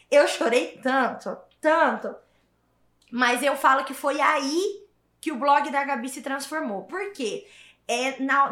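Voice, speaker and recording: A woman, telling her story as an interview guest in an animated, emphatic way and repeating words for stress. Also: sits high. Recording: roomy echo.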